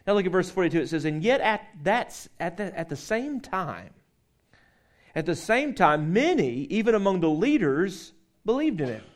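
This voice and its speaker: A man's voice: high-pitched, big pitch swings, normal speed. A man preaching a sermon as pastor, talking casually and joking with his congregation, then reading scripture aloud. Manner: conversational, joking with the congregation, frequent restarts.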